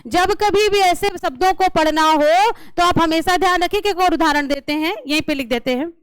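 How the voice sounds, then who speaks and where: Woman teacher drilling a class, very high voice, dry close sound. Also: dry recording. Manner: slow, drilling questions and answers. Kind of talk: classroom grammar lesson.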